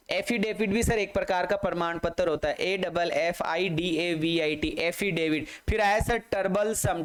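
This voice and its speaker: A man's voice: high-pitched, clean tone, poor audio. A man teaching a vocabulary class, spelling words out letter by letter and calling his students "beta".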